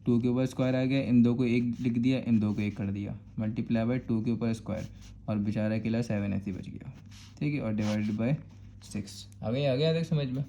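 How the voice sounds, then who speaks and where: A man's voice: mid-range voice, fairly even intonation, moderate pace, warm tone, slight background noise. A man with a Karachi Urdu accent teaching a step-by-step math lesson, patiently repeating "thik hai" to check that students follow. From Pakistan.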